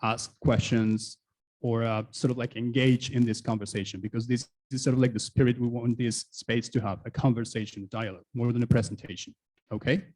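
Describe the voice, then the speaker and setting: Male panel moderator, mid pitch, casual and hesitant, lots of ums. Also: steady tone, fairly quick, darkish tone, poor audio. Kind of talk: conference panel introduction. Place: conference hall.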